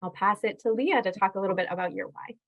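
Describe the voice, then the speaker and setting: A woman's voice: medium pitch, fast. Woman presenting a webinar over a video call. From California. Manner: conversational, with frequent fillers. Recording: dull lo-fi webinar audio.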